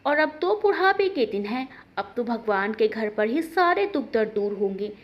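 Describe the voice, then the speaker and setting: A woman's voice: fairly high pitch, big pitch swings, normal speed, dull audio, pitched below the performer's own voice. A woman voicing a sixty-five-year-old grandmother who soothes and teases her granddaughter. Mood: affectionate. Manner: soothing, affectionate. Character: elderly grandmother, tender and teasing.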